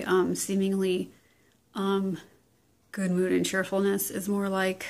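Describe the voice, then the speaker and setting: A woman rambling casually into a camera at home, meandering and self-deprecating with many pauses and ums. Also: medium pitch, creaky. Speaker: vlogger. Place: at home indoors.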